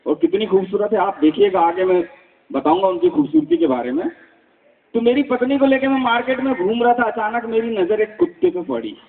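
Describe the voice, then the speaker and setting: A man's voice: very high voice, a little fast, gravelly. A man doing live stand-up comedy as a mimicry artist, telling jokes and acting out the dialogue himself. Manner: animated storytelling, acting out dialogue in quotes. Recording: tinny phone-like sound.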